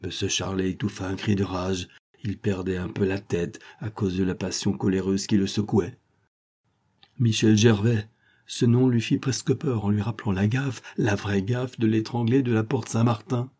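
Male audiobook narrator, low-pitched, dark mellow tone, steady and measured.

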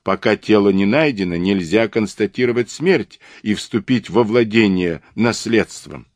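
Man doing a boastful police detective, mocking, insistent, deep voice, dry recording. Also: measured pace, dry recording, natural voice.

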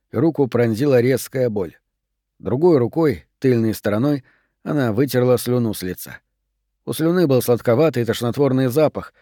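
A man narrates a novel with an even, measured reading at a middle pitch. The recording is dry and close, with no room sound. His pacing is steady and unhurried throughout. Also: dry recording. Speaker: audiobook narrator. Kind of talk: scripted narration.

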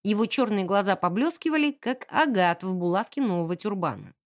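Woman, audiobook narration, animated pitch, expressive. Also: a little fast.

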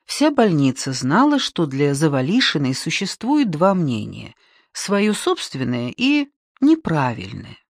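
A narrator reading a novel aloud in an expressive storytelling manner. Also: medium pitch, a little slow, no echo, clean studio sound. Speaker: audiobook narrator. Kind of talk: scripted audiobook narration.

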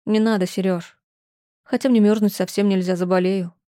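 A woman voicing a tired, frightened teenage girl who brushes off a boy softly. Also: medium pitch, steady tone, normal speed, no room sound, clean studio sound, close to an everyday voice. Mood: weary.

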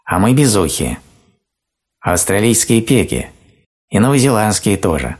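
A man voicing a small cheerful frog who pretends to be a dog, answering in a lively, matter-of-fact, boastful way. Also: on the low side, unhurried, pitched above the performer's own voice, full character voice.

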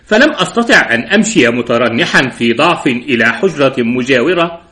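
A man's voice: mid-range voice, expressive, a little fast, sharp tone. A man narrating a detective novel as an audiobook, reading steadily and giving the quoted dialogue only light voicing. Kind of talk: scripted narration.

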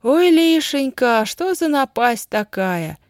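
A woman's voice: fairly high pitch, lively intonation, normal speed, dry recording, clean studio sound, pitched above the performer's own voice, close to an everyday voice. A woman voicing a flustered, tearful elderly telegram carrier who wails and pleads. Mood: wailing. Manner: wailing, fussy pleading. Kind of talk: audiobook character reading.

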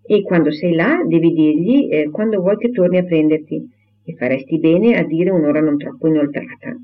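Man voicing a fussy old invalid gentleman, worrying, fretful, storybook reading, higher voice, tinny phone-like sound. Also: normal speed, lightly acted. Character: fussy anxious elderly gentleman, frail invalid.

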